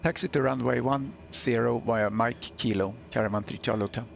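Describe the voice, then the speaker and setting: A man reading back clearances in clipped pilot radio phrasing, as if over a cockpit headset. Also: medium pitch, steady tone, brisk, muffled recording, slight background noise. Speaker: flight sim streamer.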